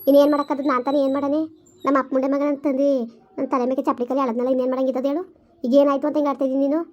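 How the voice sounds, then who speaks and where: A weary village mother, as a woman plays her hushing and pleading in a high, flat voice. She talks at a breakneck pace, and the sound is dull and lo-fi. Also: racing, close to an everyday voice. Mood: exasperated. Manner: pleading, hushing, complaining of her own hardship. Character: weary rural mother calming her angry daughter. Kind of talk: village family comedy skit. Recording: dull lo-fi audio.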